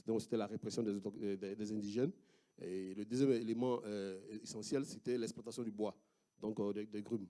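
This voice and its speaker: A man with an Ivorian French accent presents his research to an audience, walking through slides. His voice sits at an ordinary pitch but sounds dark and mellow. He talks haltingly, stopping often to fill gaps and restart his sentences. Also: fairly even intonation. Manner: halting, many fillers and restarts. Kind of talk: academic talk with slides.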